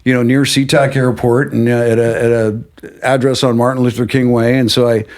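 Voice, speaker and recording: A middle-aged man, a guest on an interview podcast, telling a personal story in a casual, animated way and acting out what others said. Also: mid-range voice, fairly quick. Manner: animated, acts out quotes of others.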